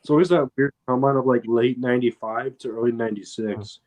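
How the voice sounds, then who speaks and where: A man's voice: medium pitch, fast talker, a little mellow. A man co-hosting a casual fan podcast, recalling details in a thoughtful, hedging way. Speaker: podcast co-host.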